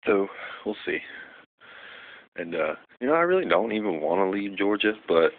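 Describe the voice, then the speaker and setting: Young man, casual rambling vlogger, deep fry-heavy voice, tinny phone audio. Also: very animated, moderate pace, no echo. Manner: rambling, loses track, many fillers. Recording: tinny phone recording with faint noise.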